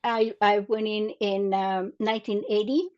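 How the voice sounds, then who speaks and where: A woman's voice: mid-range voice, steady tone, measured pace, a little mellow, highs cut off. A woman in her sixties from Mexico, a native Spanish speaker, earnestly telling her story as an interview guest with many fillers and restarts. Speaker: guest, Army veteran.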